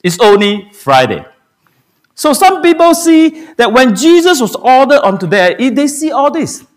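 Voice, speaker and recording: A man preaches a Good Friday sermon from a church pulpit. His voice sits high and swings widely in pitch as he throws rhetorical questions at the congregation. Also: very animated, unhurried. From Singapore. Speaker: pastor. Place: church sanctuary.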